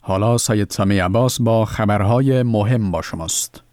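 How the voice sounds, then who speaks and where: A man with an Afghan accent presents a radio news programme, reading a scripted introduction. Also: fairly low pitch. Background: faint music.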